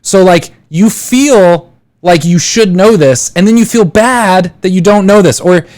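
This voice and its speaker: A man in his thirties hosts a live call-in show, handing out casual advice in a rambling style full of fillers and restarts. His voice is high, unhurried, and a little mellow, the sound of a podcast host.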